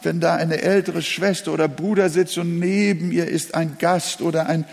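A man's voice: a little high, steady tone, moderate pace, vocal fry. A male pastor preaching a sermon, leaning hard on single words and repeating key phrases. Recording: long hall reverb.

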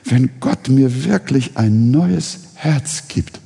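Ein Prediger spricht einen hartgesottenen Häftling. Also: male voice, mid-range voice, animated, slow pace, gravelly, mellow, slightly rough, long reverb tail, heavily acted. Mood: amazed. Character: hardened adult male convict in a prison cell.

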